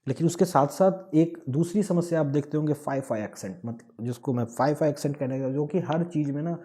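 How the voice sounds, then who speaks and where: A man from Bihar with a Bihari accent, explaining an online English lesson with everyday examples and lively emphasis. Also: fairly high pitch, brisk. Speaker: English teacher.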